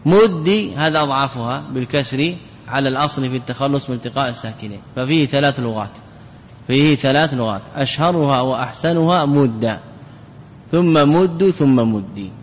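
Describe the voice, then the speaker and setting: A man's voice: mid-range voice, lively intonation, fairly quick. A man, a sheikh teaching Arabic grammar, lecturing in class, repeating examples aloud and quizzing his students. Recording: reverberant hall recording, faint noise.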